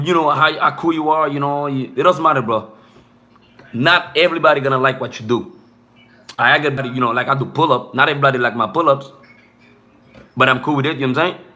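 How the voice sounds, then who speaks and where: A young man whose first language isn't English chats casually with viewers on a live stream from a small room, his voice fairly high, brisk and sharp, pausing often. He rambles loosely, constantly saying "bro" and "you know what I'm saying."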